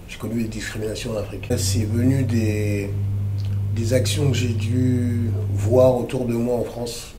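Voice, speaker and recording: A man's voice: medium pitch, dark tone, roomy sound, a little hiss or hum. A man from the Democratic Republic of the Congo, in his thirties, speaking as an activist interview guest in a casual, emphatic, slangy way.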